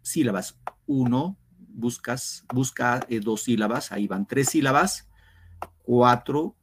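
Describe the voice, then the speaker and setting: A male teacher giving an online literature class, explaining slowly and step by step to his students. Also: mid-range voice, a little hiss or hum. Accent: Peruvian Spanish. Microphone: computer mic on a video lesson.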